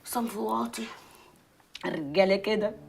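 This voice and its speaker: An actress playing a betrayed newlywed wife with an Egyptian accent, shouting and sobbing. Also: female voice, medium pitch, moderate pace, gravelly, lightly acted. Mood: tearful. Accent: Egyptian Arabic. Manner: wailing, shouting, sobbing outbursts. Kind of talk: Egyptian TV comedy drama.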